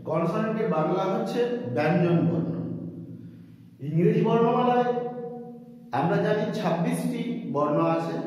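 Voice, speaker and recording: A man teaches a grammar lesson in a slow, deliberate way, pausing as he goes. His voice sits high for a man. He is far from the mic, and a long, roomy echo hangs on every word. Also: darkish tone. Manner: slow, deliberate explaining with pauses. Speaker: English teacher. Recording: echoey room from far off.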